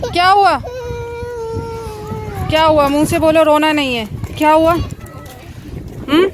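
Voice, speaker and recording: A woman's voice: sits high, steady tone, measured pace. A woman from Pakistan with a Pakistani Urdu accent, vlogging as a mother in an outdoor park. She narrates casually to the camera while coaxing and scolding her children. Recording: noisy outdoor park recording.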